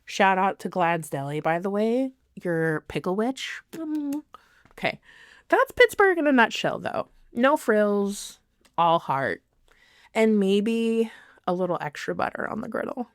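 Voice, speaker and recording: Slow, smooth-voiced woman podcast host. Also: medium pitch, expressive, dry recording, clean studio sound. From not from the city she lives in now. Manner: giggly and self-deprecating, apologizes with laughs. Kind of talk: scripted podcast monologue.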